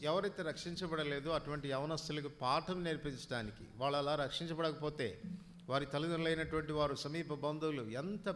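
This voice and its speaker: A man interpreting a sermon live, quickly and earnestly repeating each of the preacher's lines. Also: on the high side, fairly even intonation, fairly bright tone, slight background noise. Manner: fast, earnest echo of each line after the preacher.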